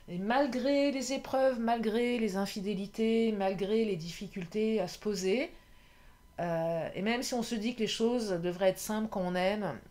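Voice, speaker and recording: A woman's voice: mid-range voice, a little mellow. A woman doing a casual card reading to camera. She is chatty, hesitates with many fillers and laughs at herself. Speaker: tarot card reader.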